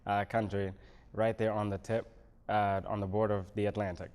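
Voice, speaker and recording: A Senegalese man running for city council answers questions in a local TV studio interview, his speech measured and full of pauses. His voice is on the low side and darkish, with little pitch movement.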